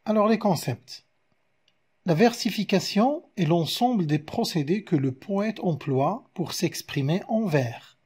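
A man's voice: high-pitched, expressive, darkish tone, husky. A man with a Moroccan French accent teaching a video lesson, explaining step by step and counting syllables aloud. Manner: slow, explains step by step with examples. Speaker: literature teacher.

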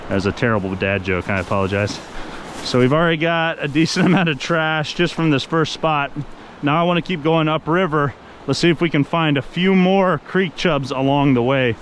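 A man's voice: on the high side, fairly bright tone, a little hiss or hum. Upbeat man vlogging by a river. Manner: upbeat, chatty, addresses viewers as guys. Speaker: fishing vlogger. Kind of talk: casual vlog narration to camera. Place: outdoors on a riverbank. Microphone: action camera held at arm's length. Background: rushing river water.

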